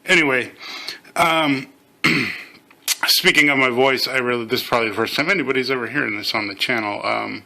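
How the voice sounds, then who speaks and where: Middle-aged man, bright voice, numb half-mouth slur. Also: medium pitch, moderate pace, vocal fry, a little hiss or hum. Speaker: toy reviewer. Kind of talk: casual hands-on video review, unscripted.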